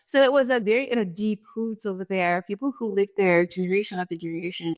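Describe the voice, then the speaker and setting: Speaking fast in a medium-pitched voice, a leadership strategist in her forties, from Russia and Kazakhstan, answers interview questions thoughtfully. Light laughter punctuates her points, and the dry room adds no ambience.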